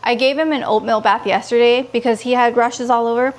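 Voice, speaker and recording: Expressive higher-pitched woman vlogger chatting. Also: brisk. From California. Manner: expressive, pleading and gushing, quotes others in dialogue. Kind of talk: casual chatty vlog.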